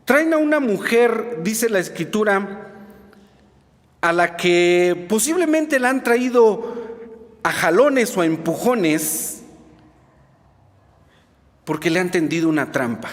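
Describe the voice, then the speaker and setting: Lively high-voiced preacher in a reverberant church. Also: male voice, takes it slowly, pauses often. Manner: expressive storytelling, rhetorical asides to the congregation. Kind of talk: sermon. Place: church hall. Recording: long reverb in a church hall.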